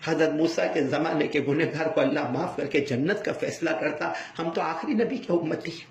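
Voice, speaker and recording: A man's voice: on the high side, vocal fry, slight background noise. A male preacher telling a story in an emotional sermon, fervent and repetitive, raising his voice at times, in an echoey hall. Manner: fervent, repetitive, raises voice to a shout.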